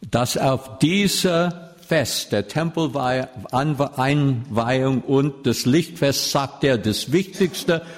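A middle-aged man with a medium-pitched voice preaches a slow sermon in German, full of grammar slips, with teaching asides. He lectures and puts questions to his listeners, and the hall gives a long, echoing reverb.

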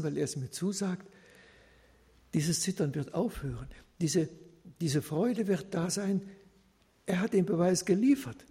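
A man giving a sermon, earnest and measured, returning again and again to repeated phrases. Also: a little high, dark tone, breathy edge, long reverb tail. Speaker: preacher.

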